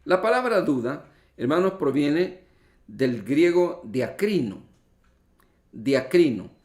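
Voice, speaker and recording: A man preaches slowly in a slightly mellow voice that sits on the high side and swings widely in pitch. As a pastor in a church hall, he teaches word meanings step by step and spelling rules, often calling his audience brothers. The sound comes from an echoey church livestream.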